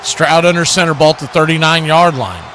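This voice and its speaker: Over slight background noise, this man's somewhat high, fairly bright voice moves briskly through radio-style play-by-play of a live American football game. A commentator who also hosts watch parties, he keeps his phrases short and punchy, full of vivid action verbs.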